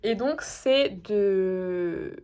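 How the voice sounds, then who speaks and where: A woman's voice: medium pitch, very slow, darkish tone, smooth. A young woman chatting casually in a show-and-tell vlog, self-deprecating and full of little fillers. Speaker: knitting vlogger.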